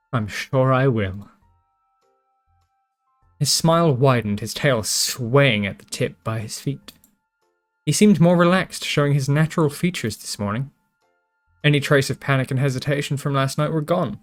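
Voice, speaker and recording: A man reading a visual novel aloud, with joking asides, swearing and stumbles over words. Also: medium pitch. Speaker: gaming YouTuber.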